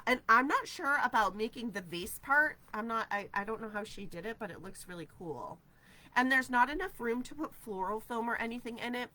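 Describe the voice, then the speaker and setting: In a rough recording from a camera at desk distance, a woman's mid-range voice comes through with a sharp tone. She's in her forties, from New Hampshire, USA, and chats upbeat despite a stuffy head cold, answering viewer comments on a casual craft livestream from her studio with shelves of ribbon.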